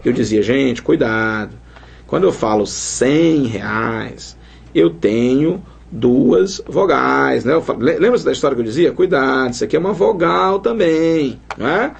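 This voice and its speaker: Animated Brazilian man teaching a lesson. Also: a little high, normal speed, gravelly, few pauses, slightly rough. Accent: Brazilian Portuguese. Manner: animated, quizzes the viewer with tag questions. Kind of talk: recorded lesson.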